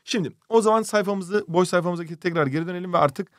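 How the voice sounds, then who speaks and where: A man's voice: high-pitched, quick pace, no room sound, clean studio sound. A male teacher giving an online exam-prep grammar lesson, explaining step by step and asking rhetorical questions. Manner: reads out student questions from cartoons.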